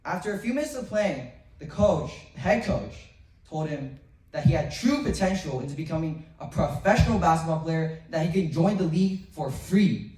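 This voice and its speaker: Animated and earnest, a seventh-grade middle schooler recites his memorized school speech with pauses and the odd stumbling restart. His slightly high voice has a darkish tone, picked up from far away amid the echo of a large hall.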